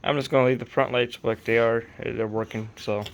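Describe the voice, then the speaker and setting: A man's voice: mid-range voice, level tone, fairly quick, vocal fry, slight background noise. A man filming a casual update on his model truck late at night, sleepy and rambling in an easygoing way, stopping to correct himself. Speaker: RC hobby vlogger. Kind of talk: casual build update vlog.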